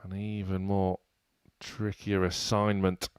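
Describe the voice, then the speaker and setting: Man, live darts commentary, lowish smooth voice, polished wordy phrasing, dry close sound. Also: completely flat delivery, slow pace, no echo.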